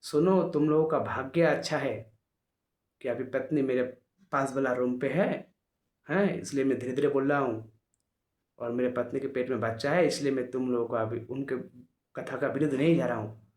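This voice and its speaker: A man voicing a boastful male bandit who threatens holy men in a lowered, menacing voice. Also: normal speed, a little mellow, natural voice. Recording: roomy echo.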